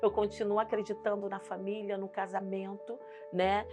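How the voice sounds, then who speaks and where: A woman's voice: medium pitch, flat delivery, moderate pace, over music. Earnest Brazilian woman pastor testifying. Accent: Brazilian Portuguese. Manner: earnest, rising to fervent intensity when recounting prayer. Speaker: pastor and singer, guest. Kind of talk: emotional faith testimony in an interview.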